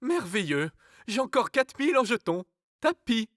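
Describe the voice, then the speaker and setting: A man's voice: very high voice, big pitch swings, normal speed, fairly bright tone, no room sound, clean studio sound, exaggerated voice. A man playing a composed, shrewd cartoon father who speaks in a formal, precise, dryly ominous way. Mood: dry menace. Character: composed, shrewd, calculating father at a poker table. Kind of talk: animated cartoon dialogue.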